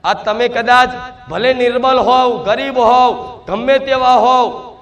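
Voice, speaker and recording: A man's voice: very high voice, fairly even intonation, slow, fairly bright tone, highs cut off. A man preaching a sermon to devotees, speaking in first person as the mother goddess and repeating fervent rhetorical questions.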